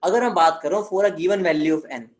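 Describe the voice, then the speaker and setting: A man's voice: sits high, moderate pace. A man teaching a chemistry class, who keeps saying "theek hai" and asks questions that he then answers himself. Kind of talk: classroom lecture. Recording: echoey room.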